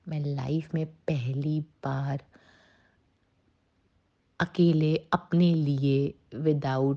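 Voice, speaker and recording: A woman's voice: a bass voice, warm tone, dull audio. A woman in her forties earnestly telling a personal testimony in a satsang, mixing Hindi with English as she speaks to the listeners. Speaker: devotee sharing a testimony.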